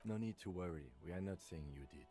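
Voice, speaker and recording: An actor playing a calm, reserved male police lieutenant in a video game, speaking in a precise way. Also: sits low, fast talker, soft background music.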